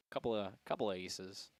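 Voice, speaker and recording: A man's voice: on the low side, no echo. A man calling baseball play-by-play on a live broadcast, teasing his partner and laughing easily between calls. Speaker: play-by-play announcer.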